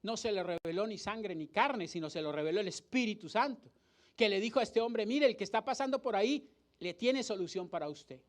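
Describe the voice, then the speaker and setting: A pastor preaches a sermon in a church hall, his high-pitched voice expressive and fairly quick. He's dramatic, acting out the crowd and the blind man's cries and posing rhetorical questions.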